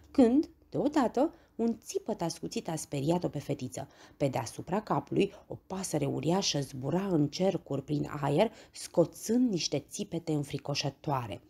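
A woman reads a bedtime story aloud, gentle and expressive. Her voice sits low, dark and husky, with a touch of gravel. The pitch moves up and down a lot as she tells it.

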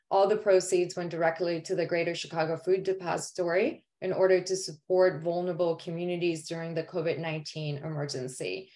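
Her voice sits on the low side with a darkish color. She's a Polish-born woman who grew up in Greece, earnestly walking viewers through her art on a video call, with a hesitant "um" here and there.

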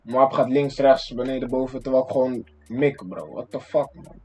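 A young man from the Netherlands giving excitable, slang-filled gameplay commentary, breaking into sudden yelps and shouts. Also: medium pitch, normal speed, husky, faint music behind. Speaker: gaming streamer.

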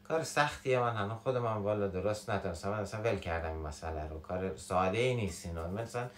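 A man's voice: on the low side, echoey room. A man with a Shirazi Persian accent giving a casual spoken language lesson, playful and acting out everyday examples. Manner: playful, acts out everyday examples, swings between animated and quiet. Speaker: Russian language teacher.

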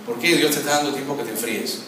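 Animated preaching man in an echoey hall. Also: medium pitch, quick pace. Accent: Latin American Spanish. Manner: animated preaching, acting out quarrels in mimicking voices. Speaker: pastor. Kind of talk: sermon. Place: church hall. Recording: very echoey hall, from far off, noisy.

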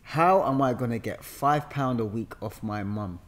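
A man in his thirties with a mid-range voice and moderate pace speaks in a London accent; he is an actor from Hackney, London, appearing as a podcast guest. Joking and slangy, he animatedly relates anecdotes in casual talk, recorded indoors in a studio room with a sofa via a podcast mic on a boom arm.

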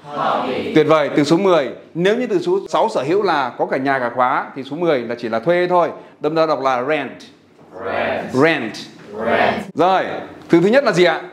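A man's voice: a little high, fast, hardly any pauses. A male teacher from Vietnam leading an English vocabulary drill, coaxing students to repeat each word after him.

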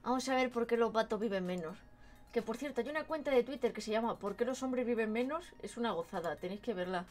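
A woman's voice: fairly high pitch, quick pace, a little mellow, faint music behind. A woman with a Madrid Spanish accent, a cute anime-style streamer reacting casually and expressively on a livestream. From Madrid, Spain. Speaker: VTuber streamer.

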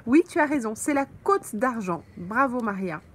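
A woman teaching French on a live stream, slowly answering viewers' comments with frequent pauses and fillers, from a holiday mobile home. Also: fairly high pitch, animated, a little hiss or hum. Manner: slow, patient, thinks aloud with many fillers.

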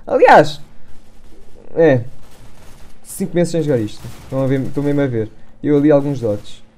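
A young man with a European Portuguese accent, commentating his own online shooter match, excitable and self-mocking, repeating words in rapid bursts. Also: on the high side. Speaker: gaming youtuber. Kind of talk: live gameplay commentary. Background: gunfire from the game.

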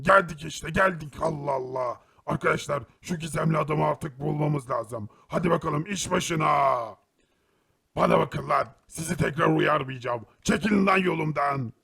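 A hot-headed ghostly creature from a cartoon, with a husky, gravelly voice pitched a little high. He grumbles at his friends and yells threats at his enemies. He sounds tough and quick to anger. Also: animated, full character voice. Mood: grumbling. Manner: gruff, shouting threats in fights. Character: ghostly male game creature, tough and short-tempered. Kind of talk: animated cartoon voice acting.

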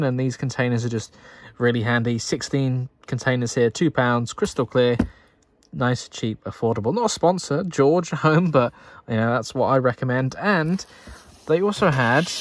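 A man with a mid-range voice chats cheerfully while building Lego, thinking out loud as he works. He's a Lego builder and channel host giving casual narration over build footage, recorded with no room sound.

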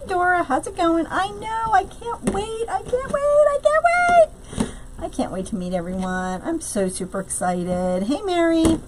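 A woman's voice: fairly high pitch, noisy background. A middle-aged woman, hosting a casual craft live stream, bubbly and greeting viewers by name.

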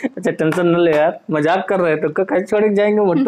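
A man chats casually in a home vlog, calm and firm, with a teasing edge. He is recorded indoors on a camera set up in front of him. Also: high-pitched, a little hiss or hum. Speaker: vlogger husband pulling a prank.

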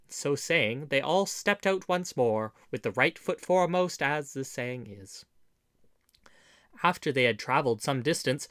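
A man reads an old adventure tale in a theatrical, storyteller's manner, his voice sitting a little high for a man. The sound is dry and close to the mic, with no room around it. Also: no room sound. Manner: warm theatrical storyteller, old-fashioned phrasing. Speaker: audiobook narrator. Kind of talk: storytelling audiobook narration.

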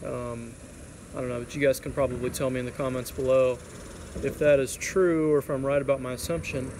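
A man's voice: medium pitch, brisk, low-quality recording. A young man in his twenties filming himself on a phone while fishing by a creek, talking casually and rambling with lots of fillers. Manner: relaxed and rambling, many fillers. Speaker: fishing vlogger. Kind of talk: casual outdoor vlog. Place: outdoors by a creek under a highway overpass. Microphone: phone camera held at arm's length. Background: traffic and outdoor ambience.

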